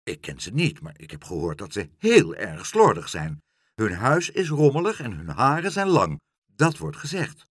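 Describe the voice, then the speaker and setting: A man's voice: medium pitch, wildly swooping pitch, moderate pace, breathy edge, no echo, studio quality, heavily acted. A man doing a prim, fussy housewife. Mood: indignant. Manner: prim, shocked, easily indignant. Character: fussy middle-aged woman obsessed with cleanliness.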